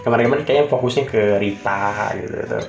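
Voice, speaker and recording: A man's voice: mid-range voice, quick pace, creaky, highs cut off. A young Indonesian man giving casual, chatty reaction commentary in colloquial slang with bits of English. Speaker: reaction video host. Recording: roomy echo with music behind. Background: show music playing.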